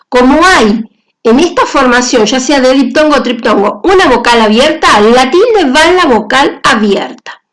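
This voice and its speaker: A woman teacher giving a grammar lesson on accent marks, talking carefully through example words on slides. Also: high-pitched.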